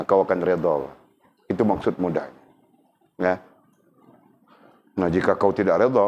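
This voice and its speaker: A man with a fairly low voice gives a casual religious lesson, speaking conversationally and often pausing to check that his students understand. The recording sounds dull and lo-fi. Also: darkish tone. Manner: conversational, keeps checking in with listeners. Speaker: religious teacher. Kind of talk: casual teaching talk.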